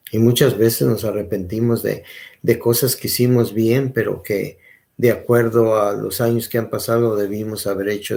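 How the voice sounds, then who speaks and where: A man's voice: on the low side, gravelly, darkish tone. A deacon giving a conversational sermon, often checking in with his listeners and repeating words as he thinks aloud. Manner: informal, asks "¿verdad?" often, repeats and restarts words. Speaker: deacon preaching.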